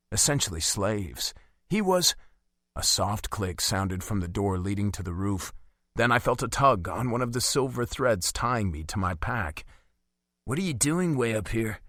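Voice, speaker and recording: Male audiobook narrator, emotive first-person reading, lively intonation, dry booth sound. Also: fairly low pitch, no room sound.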